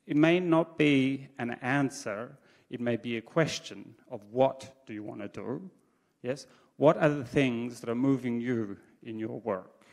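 A gravelly, darkish voice of medium pitch belongs to a male conference presenter, an English native speaker, talking into a handheld mic. Standing on a dark theatre stage with a projection screen, he is measured and reflective, with many ums and restarts, and the vast hall gives a long reverb.

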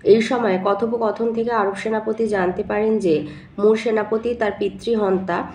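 A woman's voice: mid-range voice, steady tone, moderate pace, a little mellow, slight background noise. Woman teacher in an echoey room. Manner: explains step by step, reads questions then dictates answers. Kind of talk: exam answer walkthrough lesson.

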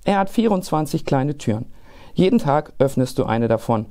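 A man's voice: a little high, moderate pace. A man doing a kindly old Santa Claus. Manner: calm, friendly and explaining.

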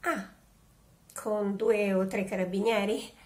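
An actress playing a sly, mock-grieving widow on the phone in a comic home-theater sketch. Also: female voice, medium pitch, fairly even intonation, takes it slowly, darkish tone, roomy sound, close to an everyday voice. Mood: coy. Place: home, indoors.

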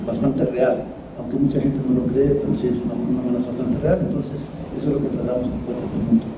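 A middle-aged man from El Salvador who grew up in the United States, a poet answering interview questions thoughtfully, with many pauses and repeated words. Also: medium pitch, steady tone. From El Salvador, raised in the United States. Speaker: writer and poet, interview guest. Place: high-floor room by a large window over a city. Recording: roomy echo from the camera mic at a distance, noise behind.

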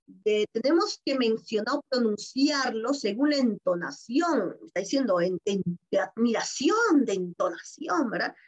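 High, lively Peruvian woman teacher. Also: measured pace, rough recording. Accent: Peruvian Spanish. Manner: warm-toned, explanatory, keeps asking "¿verdad?". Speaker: primary school teacher. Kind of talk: reading comprehension lesson for children.

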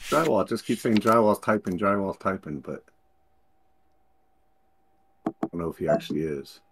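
Low male voice, relaxed poker-night player, chatty and joking, slight hiss. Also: normal speed, gravelly. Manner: joking, self-talking banter. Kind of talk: casual chat during online poker.

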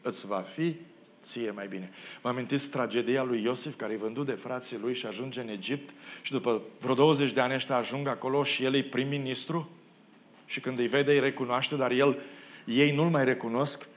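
A pastor from Romania preaching a sermon in a church, acting out the quoted biblical figures and making self-deprecating asides to the congregation. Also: male voice, medium pitch. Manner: expressive preacher who acts out the biblical quotes. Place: church hall.

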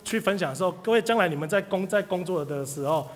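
A man, telling an audience a lively story about his sales career and acting out the people in it. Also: high-pitched, quick pace. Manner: animated storyteller, acts out quoted people. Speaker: speaker sharing career story. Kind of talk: live motivational talk to an audience. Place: hall with audience. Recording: reverberant hall.

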